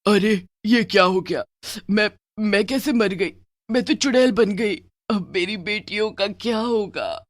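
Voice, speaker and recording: A woman's voice: medium pitch, unhurried, no echo, clean studio sound, natural voice. A woman voicing a worried dead mother who has become a witch, fretting and muttering scornfully, in a cartoon story. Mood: shocked. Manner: fretful, scolding muttering.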